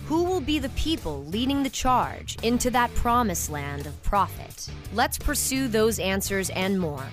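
A woman's voice: a little high, very animated, unhurried. A woman reading a scripted podcast intro in a polished announcer style. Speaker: show intro narrator. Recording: voice over clear music bed.

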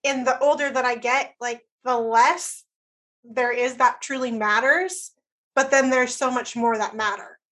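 A woman's voice: on the high side, fairly even intonation, measured pace, fairly bright tone. A woman in her late thirties hosting a podcast interview, agreeing and conversational. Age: 30s. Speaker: podcast host.

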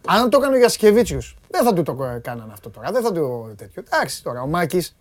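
A man hosting a casual sports talk show, rambling in an animated way and laughing often. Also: sits high.

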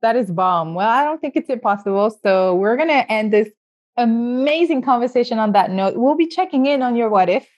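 A woman's voice: a little high, expressive, a little fast, a little mellow, highs cut off. A woman hosting a podcast interview, chatty and full of fillers and restarts. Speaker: podcast host. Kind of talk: casual interview chat.

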